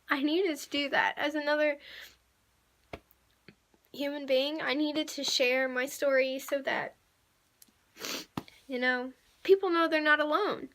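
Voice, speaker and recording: A young woman telling a personal story to camera in a vlog, emotional and halting, with sighs and laughter. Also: sits high, a bit bright. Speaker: vlogger.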